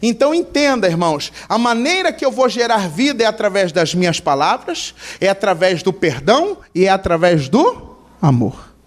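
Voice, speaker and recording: A man's voice: sits high, big pitch swings, moderate pace. A male pastor preaching a sermon animatedly, questioning the congregation and acting out everyday scenes.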